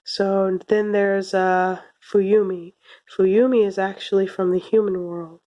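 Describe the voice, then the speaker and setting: A young woman with a soft, slightly cracking voice as she recovers from illness, giving a casual, laid-back review to camera in a small room. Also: medium pitch, level tone, slow pace, lo-fi sound. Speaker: video reviewer. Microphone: phone or webcam at arm's length.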